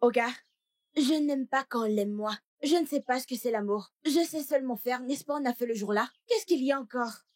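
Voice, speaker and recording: A woman's voice: high voice, lightly acted. Woman doing a brash chatty village girl. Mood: suspicious. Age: young adult. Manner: talkative, thinks aloud, quick retorts. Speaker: dub actress. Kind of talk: dubbed film acting.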